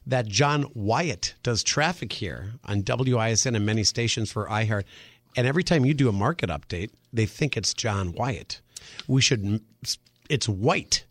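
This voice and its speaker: A man co-hosting a radio talk show, teasing and laughing as he brings guests in. His pitch swings widely, and the studio mic keeps his voice close and dry. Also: moderate pace, dry recording. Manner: lively, teasing, laughs easily. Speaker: radio co-host. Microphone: studio microphone.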